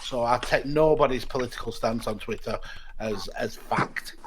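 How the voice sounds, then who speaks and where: A man in his late thirties, a podcast co-host in casual chat, quick to laugh and to banter. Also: medium pitch, background noise. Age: 30s.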